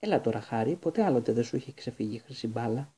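A man's voice: medium pitch, lively intonation, mellow, slightly rough. A man doing a teasing teenage boy. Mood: reassuring. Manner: teasing, reassuring. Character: joking teenage boy, team mate. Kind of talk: audiobook character voice.

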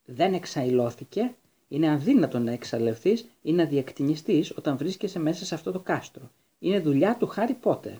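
A man's voice: fairly high pitch, expressive, husky, voice pushed up. A man doing Snape, a seething furious professor. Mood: cold. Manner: yelling, seething. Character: furious spiteful male professor, raging.

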